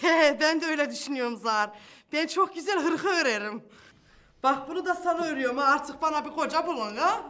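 An actress playing a downtrodden rustic widow looking for a husband, shy at first and bluntly folksy. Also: female voice, high voice, lively intonation, quick pace, bright, forceful tone.

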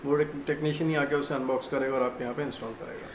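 Middle-aged man, shop owner, businesslike, monotone, roomy office echo. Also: mid-range voice, fast, background noise. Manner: steady, businesslike, with English terms and hesitation fillers. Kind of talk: product explanation. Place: small indoor shop office.

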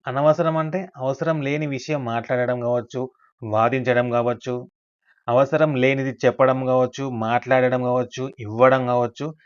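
A man teaching English with a Telugu accent, his voice at an ordinary middle pitch. He reads each English example sentence very slowly and then repeats it. The recording sounds a little dull and lo-fi. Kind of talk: spoken English lesson.

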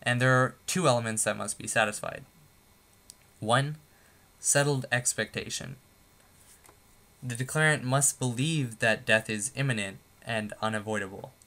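A man presenting a tutorial lecture, explaining points in a steady, methodical way with a few fillers. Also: mid-range voice, normal speed, pauses often. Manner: steady, methodical, stepping through numbered points with occasional fillers.

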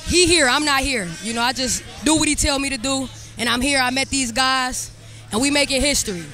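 A Detroit barber in her twenties is interviewed on a handheld mic against the event backdrop of a barber competition, talking about her hair products in an upbeat, confident, slangy way. Her voice is high-pitched, a little fast, and sharp, with faint music behind it.

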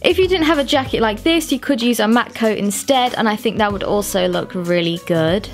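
A fashion vlogger in her twenties delivers a scripted lookbook voice-over, offering friendly, upbeat outfit tips. Her voice is medium-pitched and brisk, with faint music playing behind her.

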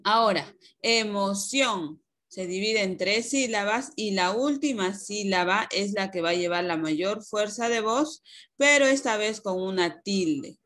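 A woman teaches young pupils over a video call. She explains patiently and slowly, asking questions and then answering them. Her voice sits at an ordinary middle pitch. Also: a bit bright. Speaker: primary school teacher. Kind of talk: online class lesson.

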